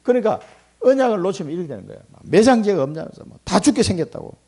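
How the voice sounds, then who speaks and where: A man preaching a Sunday sermon in a church, talking in an everyday way rather than reading. His voice sits a little high and leaps around widely in pitch, and he acts out quoted voices and chuckles between points. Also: racing, breathy edge. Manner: animated, colloquial preaching with acted-out quotes and chuckles. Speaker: pastor. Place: church sanctuary.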